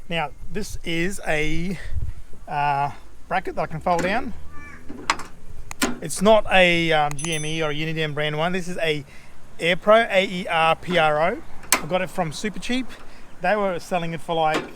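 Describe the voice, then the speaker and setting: Casual, chatty and mate-to-mate, an Australian DIY host walks through a how-to vlog outdoors beside a vehicle. His voice is on the high side, at a moderate pace with frequent pauses. The action-camera audio picks up clear outdoor background noise.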